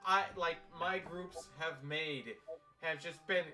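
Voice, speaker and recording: A man's voice: on the high side, takes it slowly, music in the background. A man playing in a tabletop game, exasperated and swearing casually. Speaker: player.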